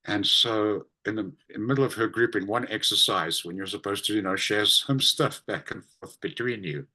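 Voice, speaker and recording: A man, a spiritual teacher, telling personal anecdotes in a vivid, expressive conversational way. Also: on the low side, moderate pace, breathy edge, low-quality recording. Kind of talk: conversational storytelling.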